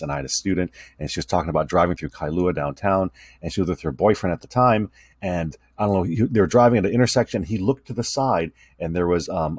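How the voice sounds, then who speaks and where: A man's voice: low-pitched, a little mellow, husky, dry recording. A man teaching a recorded lecture over slides, talking conversationally and often checking in with "right?". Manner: conversational, tag questions "right?" and fillers. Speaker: communication instructor.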